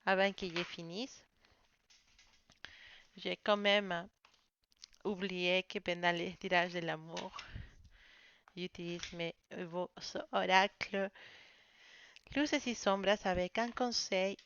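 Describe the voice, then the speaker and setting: A woman giving a monthly tarot reading, hesitant and pausing often to search for her words. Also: lowish voice, steady tone, a bit bright, highs cut off, slight background noise. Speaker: tarot reader.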